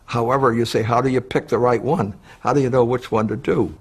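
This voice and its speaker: A man's voice: medium pitch, fairly even intonation, a little fast, slightly rough. A man demonstrating old lockpicks in a chatty documentary interview.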